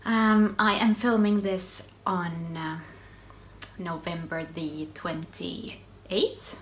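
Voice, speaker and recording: Speaking very slowly in a low-leaning, steady voice, a middle-aged woman from Finland with a Finland-Swedish accent and Swedish as her native tongue chats through her casual solo knitting podcast. She often cuts herself off, laughs softly and fills pauses with frequent ums.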